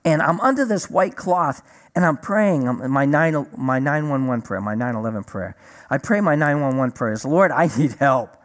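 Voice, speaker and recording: A man preaching a sermon, telling a personal story in a lively way and acting out the conversations in it. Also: on the high side, moderate pace. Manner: animated storyteller, acts out dialogue.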